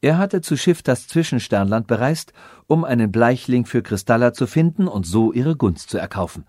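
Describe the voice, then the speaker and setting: A man reads a fairy tale audiobook in a measured storytelling voice. His pitch is middling, and the studio recording is close and dry. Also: lively intonation, dark tone, dry recording. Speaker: audiobook narrator. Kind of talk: scripted fairy tale narration.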